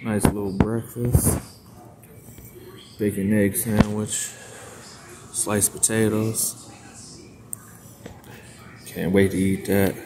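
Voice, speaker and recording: A man's voice: lowish voice, flat delivery, very slow, pauses often, background noise. A man in his twenties chatting casually and swearing a little as he vlogs from a phone held at arm's length. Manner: laid-back, casual with mild swearing. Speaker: vlogger selling at a flea market. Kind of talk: casual vlog chat.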